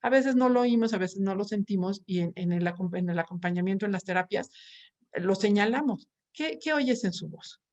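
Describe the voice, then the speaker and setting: A woman's voice: medium pitch, steady tone, brisk, highs cut off. A woman with a Mexican accent giving a conference talk as a therapist, telling stories with many restarts and tag questions. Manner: warm storytelling with frequent restarts and tag questions.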